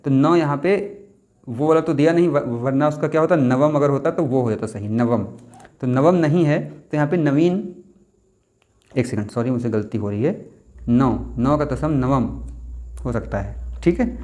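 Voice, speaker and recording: A young man leads a casual exam-prep lesson at a medium pitch. He repeats the key words and keeps putting questions to his students, filling the gaps with quick checks like "okay". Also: darkish tone. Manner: repeats words and asks the class questions, slipping in "theek hai". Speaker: exam-prep Hindi teacher.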